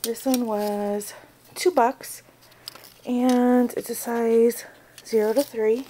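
A woman's voice: on the high side, fairly even intonation, slow, warm tone, slight background noise, low-quality recording. A young American woman chatting casually in a vlog, rambling with lots of fillers. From United States. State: out of breath. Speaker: vlogger.

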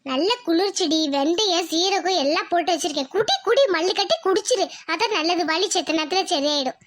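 A woman's voice: very high-pitched, brisk, a bit bright. A woman voicing a bossy but caring older village woman neighbor in a cartoon, scolding and motherly. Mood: coaxing. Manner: scolding, motherly, dialect-heavy. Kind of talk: cartoon voice acting.

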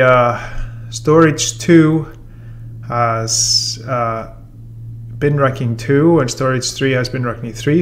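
In a casual screen-recorded tutorial, a gravelly-voiced software trainer at medium pitch explains things in a laid-back way, filling his speech with fillers. He begins in a brick-walled room with a whiteboard before switching to voice-over.

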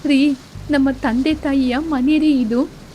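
A woman's voice: sits high, steady tone, takes it slowly, mellow, slight background noise. A woman voicing a proud, poor young mother who pleads tearfully in a cartoon story. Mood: grieving.

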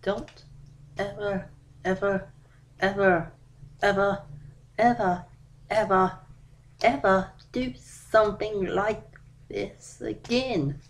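A man playing a stern father who lectures his daughter in a halting, disappointed way in a fan audio drama. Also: a little high, big pitch swings, fairly bright tone, slight background noise, rough recording. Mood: calming.

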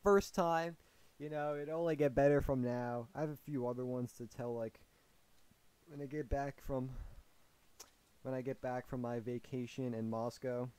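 A young man tells a story for his vlog audience in a loose, rambling way. He is full of fillers and restarts, and his voice sits mid-range with a mellow, soft tone. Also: medium pitch, steady tone, normal speed, smooth, no echo. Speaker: vlogger.

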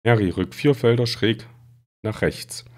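A man's voice: on the low side, a little slow, darkish tone, voice pushed up, natural voice. A man voicing an eager young wizard boy who gives chess instructions in a storybook reading. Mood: instructing.

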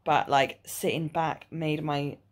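Weary woman with a sore jaw, low-pitched. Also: steady tone, slow. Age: 20s. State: sore jaw after dental surgery, mouth not opening fully; tired and nauseous. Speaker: vlogger. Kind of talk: casual video diary. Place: small living room or bedroom at home.

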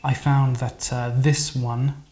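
A man walking through video editing steps in a casual, chatty tutorial, relaxed and loose with his wording. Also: medium pitch, slow, slight background noise. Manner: chatty, relaxed, with fillers and laughs. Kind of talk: casual screen-recorded tutorial.

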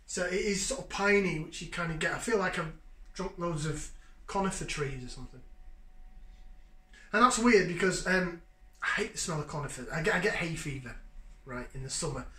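Bright-voiced man tasting beer at home. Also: on the high side, animated, normal speed, pauses often. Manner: enthusiastic, savoring, chatty with sniffs and sips. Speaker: beer reviewer. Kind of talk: casual beer tasting review. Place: home kitchen, indoors. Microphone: fixed camera at table distance. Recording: echoey kitchen.

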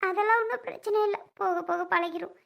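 A woman's voice: very high-pitched, brisk, gravelly, dull audio, heavily acted. A woman voicing a heartbroken young woman who talks in a weepy, pleading, self-pitying way. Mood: tearful.

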